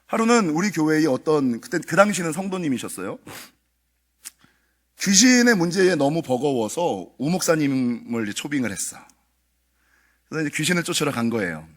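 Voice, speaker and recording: A middle-aged male pastor preaching at a dawn prayer meeting, telling a story with animated delivery and acting out the dialogue. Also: fairly high pitch, normal speed. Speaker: senior pastor.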